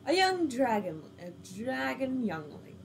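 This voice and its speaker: A woman reading the lines of a bored male half-orc doorman, talking in a dull, flat patter. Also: high voice, unhurried, vocal fry, a little hiss or hum, voice pushed up, full character voice.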